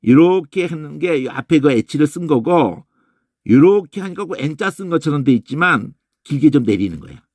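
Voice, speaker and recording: A man teaching a lecture on Bible languages, talking casually and emphatically, repeating phrases and tossing in quick questions to his listeners. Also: dry recording, clean studio sound. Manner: emphatic, lively demonstrating, repeats phrases with sudden pitch jumps; casual speech, trailing questions.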